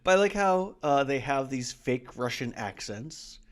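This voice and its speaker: A podcast co-host chatting casually about an old sitcom episode. His middle-pitched voice moves up and down a lot, and he rambles, restarts and breaks into laughter often. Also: lively intonation, unhurried. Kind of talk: casual chat.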